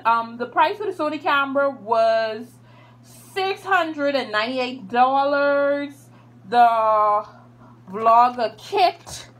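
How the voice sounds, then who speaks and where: A woman vlogger gushing over an unboxing in a casual, animated way, repeating excited exclamations. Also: sits high.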